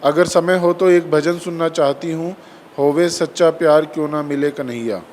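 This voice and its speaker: A man reads a devotional message aloud in a steady, flat tone, with little rise and fall. His voice sits a little higher than most men's. There is faint background noise behind him. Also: normal speed. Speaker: reader of viewer messages.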